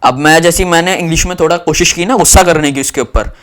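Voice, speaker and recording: A young man from Pakistan, telling a travel story to camera in a rambling, animated way with lots of fillers. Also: fairly high pitch, fast talker.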